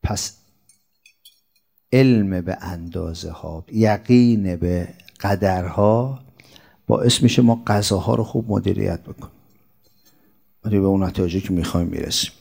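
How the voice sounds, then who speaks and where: A man giving a sermon-style talk in an animated way, asking rhetorical questions and running through long lists. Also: low-pitched, vocal fry, long pauses.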